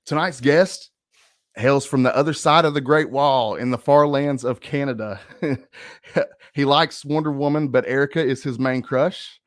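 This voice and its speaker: A man's voice: mid-range voice, moderate pace, no echo, clean studio sound. A man hosting a live stream, introducing his guest in an upbeat way, with fillers. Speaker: host.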